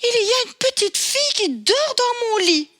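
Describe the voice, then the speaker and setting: A woman voicing a weepy little baby bear cub in a children's storybook reading, in a high, whiny, tearful voice. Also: big pitch swings, normal speed, fairly bright tone, exaggerated voice. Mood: excited.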